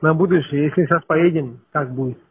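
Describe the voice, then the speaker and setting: A drunk man speaks in a high, husky voice. He is on a narrow, tinny phone line, casually calling a duty officer with naive, hesitant questions. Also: brisk, no room sound. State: drunk, tipsy. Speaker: caller to a traffic police duty line. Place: phone call.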